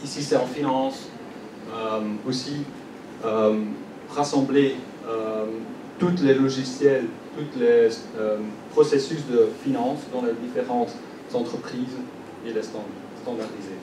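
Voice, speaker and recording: In an echoey conference hall, a young man with a Belgian French accent presents slowly in a steady, mid-range voice, restarting often and leaning on fillers since French is not his first language. Background noise is audible on the distant mic.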